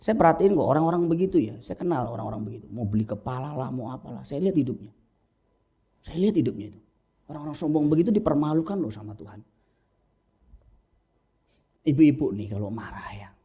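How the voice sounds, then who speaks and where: A middle-aged male pastor preaching a sermon at a church service, animated and humorous, acting out quotes in high voices. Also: husky.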